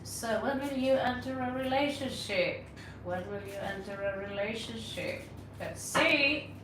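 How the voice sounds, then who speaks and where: A tarot reader with a Norwegian accent answers her chat on a livestream, speaking bluntly and casually with sarcastic remarks. She sounds animated and unhurried in a voice on the high side. The echoey room, distant mic and audible noise make her sound far off.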